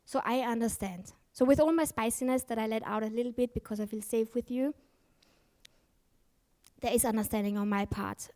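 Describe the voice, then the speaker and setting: Her voice is on the high side and dark in tone, and she moves briskly through her conference talk. She's blunt and emphatic, swears a lot, and often backtracks to fix what she's saying, with frequent fillers.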